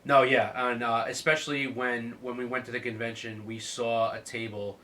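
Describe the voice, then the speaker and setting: A man's voice: mid-range voice, little pitch movement, normal speed, sharp tone, far from the mic, slight background noise. A man hosting a casual chat, sounding stuffed up from a cold, with a laid-back manner. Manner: laid-back, lots of fillers and laughs. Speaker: podcast host.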